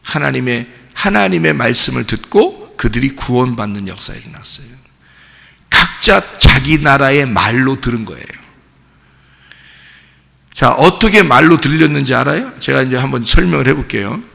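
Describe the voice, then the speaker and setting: A man preaching a sermon as pastor, talking with the congregation, asking them questions and lively acting out the voices he quotes. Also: medium pitch, moderate pace, vocal fry, big-room sound. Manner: animated, acts out quoted voices and mimics gibberish tongues; conversational, asks the congregation questions. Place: church sanctuary.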